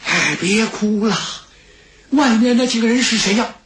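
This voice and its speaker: A man's voice: sits high, moderate pace, reverberant, background noise, pitched above the performer's own voice, close to an everyday voice. A man voicing a frail ninety-year-old male house steward in a storytelling broadcast, quavering and bewildered. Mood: urging.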